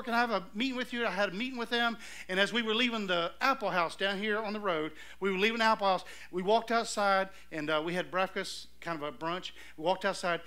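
In a church sanctuary, a pastor with a high, sharp, clean voice preaches a storytelling sermon, exclaiming his points and calling for amens.

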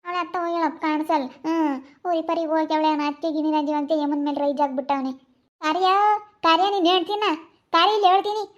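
A woman plays a bragging village woman who scolds in a high, rapid voice with a village Kannada accent. The recording is slightly dull and lo-fi. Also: steady tone, natural voice. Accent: Kannada, Karnataka village dialect. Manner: scolding, fast and emphatic. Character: boastful village woman proud of her rich uncle.

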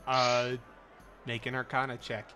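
A man narrating a tabletop game casually as game master, describing scenes in halting pieces. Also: medium pitch, little pitch movement, sharp tone, faint music behind.

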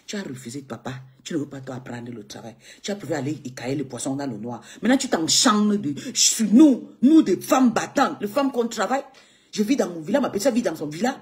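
A woman from Cameroon, scolding a critic in a combative monologue, swinging from low mutters to high outbursts. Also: very animated, brisk, breathy edge. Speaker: live streamer answering a critic. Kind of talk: heated monologue on a live video.

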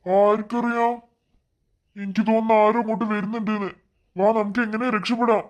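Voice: medium pitch, little pitch movement, a little fast, muffled recording, natural voice. A voice actor playing an aging, slightly deaf burglar boss in a cartoon, bossy and grumbling.

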